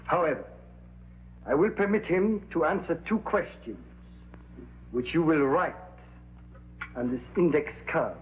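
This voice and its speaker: An actor playing a con man who poses as a temperamental hypnotist professor, with grandiose, deliberate delivery in a vintage crime drama. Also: on the high side, expressive, breathy edge, heavily acted. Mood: solemn, pompous. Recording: tinny band-limited old TV soundtrack, humming noise.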